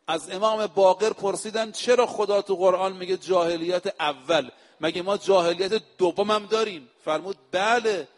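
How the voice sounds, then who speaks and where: A male preacher giving a sermon, speaking to his listeners directly and reciting scripture quotes slowly and with emphasis. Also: sits high, long reverb tail. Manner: addresses the audience directly. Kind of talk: religious sermon.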